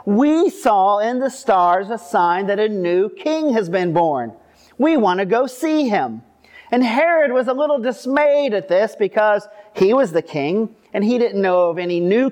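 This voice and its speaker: Man preaching at a pulpit microphone. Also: sits high. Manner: conversational, joking asides. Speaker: priest. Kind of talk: sermon.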